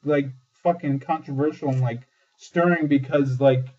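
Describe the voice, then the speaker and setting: A man hosting a casual TV episode review, excitable and swearing often, with lots of fillers. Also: medium pitch, moderate pace, slightly rough. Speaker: host. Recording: dull lo-fi sound, distant mic.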